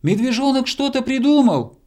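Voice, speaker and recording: Мужчина изображает высокоголосого ёжика. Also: male voice, animated, measured pace, warm tone. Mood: eager. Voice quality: high, eager calling. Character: small eager male hedgehog.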